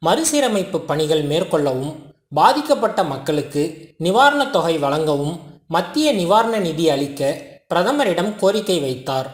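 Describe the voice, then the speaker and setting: A news narrator reading a scripted report in formal, measured phrasing. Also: mid-range voice, reverberant.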